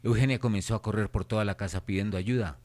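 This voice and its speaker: A man's voice: lowish voice, steady tone, fast talker, a little mellow. A man reading scripted narration for a horror radio drama.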